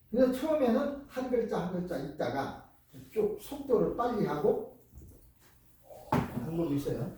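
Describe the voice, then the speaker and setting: An older man, a professor giving a lecture, talking in an animated, emphatic way and repeating his key words. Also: high voice. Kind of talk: lecture on speed reading. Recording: echoey room, voice from far off.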